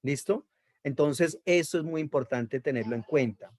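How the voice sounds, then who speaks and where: A man's voice: fairly high pitch, normal speed, a little mellow. A man teaching a Bible lesson on Hebrew accent marks, explaining patiently, repeating key terms and checking in with his listeners.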